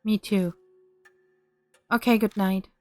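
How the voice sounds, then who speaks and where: Slow, subdued woman reading game dialogue. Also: medium pitch, fairly even intonation. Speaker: VTuber streamer. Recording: music behind the voice.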